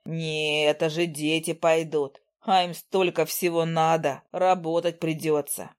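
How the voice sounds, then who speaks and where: A woman reading an audiobook, voicing a gruff, simple-minded male demon who grumbles and talks roughly. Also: deep voice, little pitch movement, unhurried, voice pushed down. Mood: grumbling.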